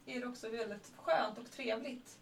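A woman speaking candidly in quick bursts during a casual conversation. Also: fairly high pitch, creaky, a crowd in the background. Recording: distant with faint room ambience.

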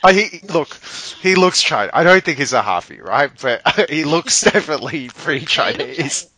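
A man co-hosting a casual film chat, animated and laughing, sometimes trailing into mumbled asides. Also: fairly high pitch, moderate pace, husky, dry recording. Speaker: podcast co-host.

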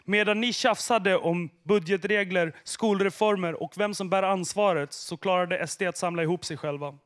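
A man reading as an icy messenger figure. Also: high-pitched. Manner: icy, flat delivery. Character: sinister messenger figure, cold and knowing.

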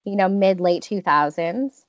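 A woman in her thirties from the United States shares personal stories in an interview, reflecting carefully and hesitating, with frequent restarts. Her voice is mid-range and she speaks a little slowly. The recording is dry and the audio dull.

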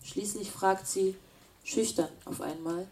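A woman playing a calm, reflective traveler. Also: mid-range voice, takes it slowly, distant mic, a little hiss or hum, natural voice. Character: reflective female traveler on a flight. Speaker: traveler telling her story.

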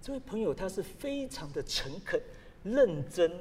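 A man preaching a sermon as a pastor, telling stories with sudden loud exclamations. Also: high-pitched, very animated, moderate pace, husky. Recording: long hall reverb.

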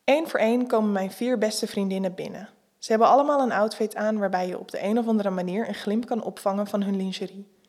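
Woman narrator, erotic audio story, calm reading, mid-pitched voice. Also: fast talker.

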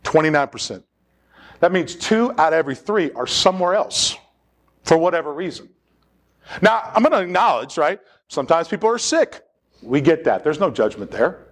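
A male pastor preaching in a church with a high, lively voice that swoops up and down as he builds his points. He drives the sermon forward with animated emphasis and has the congregation repeat lines back to him. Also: moderate pace. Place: church sanctuary.

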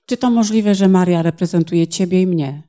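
A woman's voice: on the low side, moderate pace, warm tone. A woman interpreting a sermon phrase by phrase, in a plain manner with small hesitations.

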